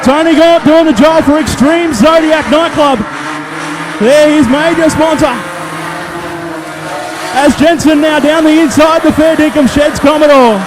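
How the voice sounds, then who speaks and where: An Australian man calling a race as a motorsport commentator, excited, colloquial and punchy. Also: very high voice, unhurried, pauses often, noisy background. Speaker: speedway race commentator and trackside interviewer. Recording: loud race car engines behind the voice. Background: race cars, engines and tyre squeal.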